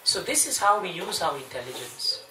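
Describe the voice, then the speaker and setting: A man's voice: high-pitched, normal speed. A man giving an evening scripture class in a home, telling a humorous story and acting out its voices. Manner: lively storyteller, acts out voices in the tale. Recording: roomy, distant mic, faint noise.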